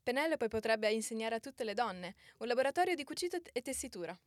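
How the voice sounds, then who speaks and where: A woman's voice: on the high side, lively intonation, fast, no room sound, clean studio sound, close to an everyday voice. Tommy, a woman voicing a kind young man. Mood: friendly.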